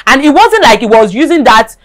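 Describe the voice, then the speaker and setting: Animated Nigerian woman hosting a chat. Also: high-pitched, a little fast. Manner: animated, repeats herself and checks understanding. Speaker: talk show host. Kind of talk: casual chat.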